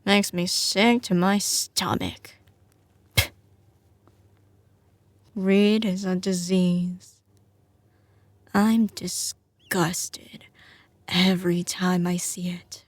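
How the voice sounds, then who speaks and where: A woman's voice: lowish voice, little pitch movement, dry recording. A woman playing a doting, tough young mafia heiress with a Southern US drawl, speaking intimately to her partner in a teasing ASMR roleplay. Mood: cool, disdainful. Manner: slow, drawling, teasing endearments. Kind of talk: ASMR roleplay, intimate scripted monologue to the listener.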